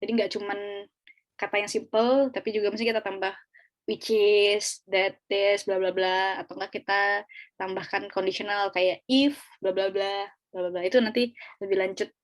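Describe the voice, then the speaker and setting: A woman's voice: medium pitch, steady tone, moderate pace. A woman tutoring an online speaking class, explaining in a chatty, casual way with fillers and small laughs over a video call.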